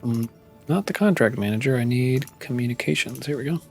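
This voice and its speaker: A man's voice: medium pitch, brisk, gravelly, soft background music. A man chatting casually to his viewers while playing a game live, musing aloud as he goes. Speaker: streamer. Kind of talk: casual gameplay commentary.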